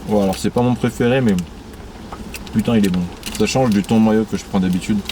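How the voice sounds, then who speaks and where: A man's voice: on the low side, steady tone, fairly quick. A young man vlogging casually to camera outdoors, slangy and joking as he tastes food, swearing freely. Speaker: travel vlogger. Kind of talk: casual vlog chat to camera. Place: outdoors in the rain. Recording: loud rain and outdoor noise. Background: rain and passing traffic.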